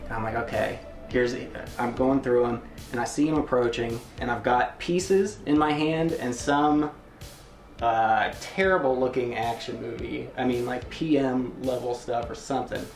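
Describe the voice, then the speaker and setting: A man's voice: medium pitch, steady tone, moderate pace, creaky. A chatty man recounts meeting a fellow collector in a medium voice. The room around him rings with echo, and faint music plays underneath. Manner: chatty, laughing between phrases. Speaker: interviewee, tape collector. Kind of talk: interview storytelling. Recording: echoey room.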